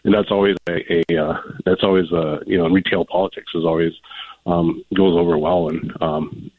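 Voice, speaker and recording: An American man in casual unscripted discussion as a radio guest, halting and rambling as he repeats words. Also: deep voice, fairly even intonation, no echo. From South Dakota, United States. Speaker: political guest on a radio call-in show. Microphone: phone line. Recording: muffled phone-like line.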